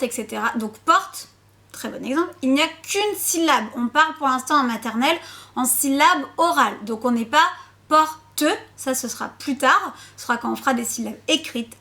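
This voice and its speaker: Explaining a syllable game to parents, a woman who teaches preschool speaks in a high-pitched, fairly bright voice. She's patient, repeating words and breaking syllables out slowly.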